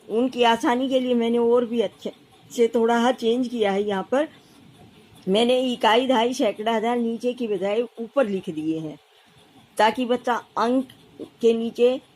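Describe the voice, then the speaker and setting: Slow, patient woman teaching math. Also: a little high, darkish tone. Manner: patient, repeats and counts aloud slowly for children. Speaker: primary school teacher. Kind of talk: classroom math lesson.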